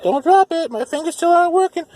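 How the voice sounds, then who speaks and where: A woman's voice: extremely high pitch, animated, quick pace, crowd noise. A woman vlogger giving gushing, exclamatory commentary to viewers from inside a car going through a car wash, filmed on a handheld phone. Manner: gushing, exclamatory, baby-talk tone. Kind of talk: excited running commentary to viewers. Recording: loud car wash machinery noise.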